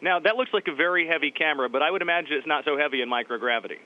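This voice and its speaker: Male interviewer, quick pace, chatty, inquisitive, thin phone-like line. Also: fairly high pitch. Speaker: TV station interviewer. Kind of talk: conversational interview questioning. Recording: tinny phone-like line, faint noise.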